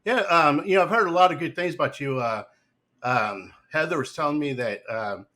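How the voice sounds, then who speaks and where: A man's voice: a little high, moderate pace, pushed and bright. A man hosting a casual live podcast interview, talking loosely with many fillers and restarts. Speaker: podcast host.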